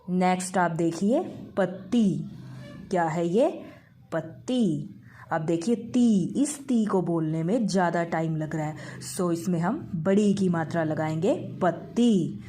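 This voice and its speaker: A primary school teacher, a woman, takes young pupils through a vocabulary lesson at a very unhurried pace. Her voice sits low and mellow, and she stretches every word so the children can follow. She talks patiently and slips English words into her Hindi. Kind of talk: online class lesson.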